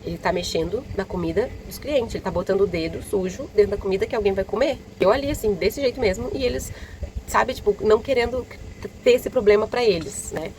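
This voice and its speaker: Brazilian girl ranting fast in her vlog, traffic rumbling loud behind her. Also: low-quality recording. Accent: Brazilian Portuguese. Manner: indignant, animated retelling with quoted dialogue. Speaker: vlogger. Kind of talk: casual storytelling vlog. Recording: loud vehicle noise behind.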